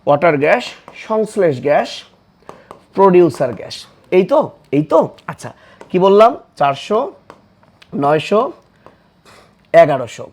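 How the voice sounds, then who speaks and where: A man from Bangladesh teaching a chemistry class, repeating key facts again and again in an energetic lecture style. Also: sits high. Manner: energetic, repetitive drilling of facts.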